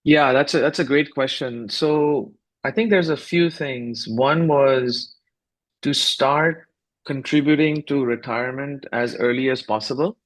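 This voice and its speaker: A man in his fifties who grew up in India, a founder answering podcast questions in a reflective, measured way with frequent fillers and restarts. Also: medium pitch. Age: 50s. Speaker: guest, startup founder. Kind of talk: casual podcast interview.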